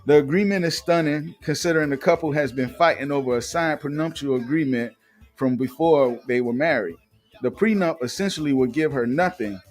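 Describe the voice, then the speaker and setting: A man with a fairly high, brisk voice hosts a live show in Atlanta, with faint music playing behind him. He chats casually and reads the news aloud in a loose way, full of fillers and frequent restarts.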